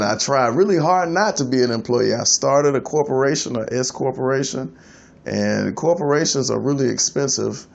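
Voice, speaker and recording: A low, deeply gravelly male voice reflecting on his working life in a halting, self-repeating way. The sound is dull and lo-fi. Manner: halting, repeats words, laughs at himself. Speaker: freelance IT consultant. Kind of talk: reflective personal monologue.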